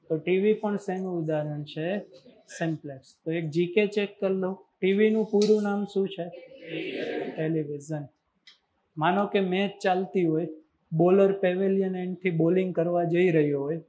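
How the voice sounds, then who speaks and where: A man's voice: high-pitched, darkish tone, poor audio. A man lectures a coaching class in a classroom. He keeps quizzing the students and answers his own questions right away. A faint room hum sits under his voice. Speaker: exam coaching teacher.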